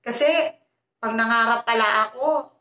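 A woman doing a jittery, high-voiced young village girl. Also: steady tone, normal speed, bright, forceful tone. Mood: shaken. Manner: high, anxious pleading. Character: poor young provincial woman, timid and easily scared. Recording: roomy echo.

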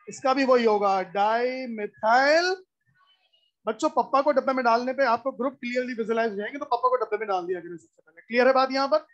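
A woman teaching a live class in a lecture, repeating key points and constantly quizzing her students. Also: on the high side. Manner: repetitive, drilling explanations.

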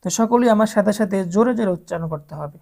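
A woman's voice: medium pitch, racing, mellow. A woman teaching Quran reading to adult beginners, drawing out each letter sound patiently and coaching listeners to repeat after her. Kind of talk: slow step-by-step recitation lesson.

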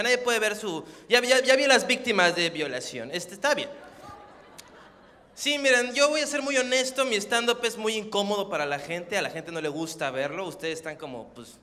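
A young man from Acapulco doing stand-up on a theater stage with a dry, deadpan, self-deprecating delivery. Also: sits high, big-room sound. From Acapulco, Mexico. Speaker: stand-up comedian. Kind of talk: stand-up comedy. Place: theater stage before a live audience.

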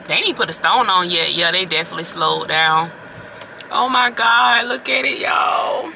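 A woman's voice: on the low side, pushed and bright, a little hiss or hum. A young woman, crying through an emotional vlog house tour, exclaiming and calling her viewers y'all, filmed on a handheld phone in an empty new house. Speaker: vlogger.

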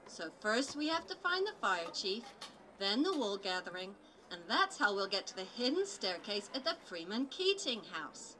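A woman's voice: medium pitch, big pitch swings, moderate pace, sharp tone, a little hiss or hum, low-quality recording. A woman voicing a cheerful, helpful little girl explorer puppet, chirpy, instructive and sing-song, in a live children's show. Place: outdoor farmyard puppet booth.

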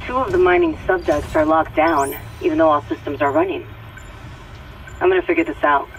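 A man's voice: a little high, steady tone, brisk, noisy background, close to an everyday voice. An actor playing a determined, puzzled man troubleshooting systems in a sci-fi video game.

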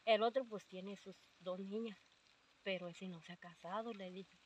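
A woman's voice: mid-range voice, steady tone, normal speed, slight background noise. Older Mexican woman telling her story. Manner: rambling, quotes dialogue, many fillers. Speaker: interviewee. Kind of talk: casual storytelling.

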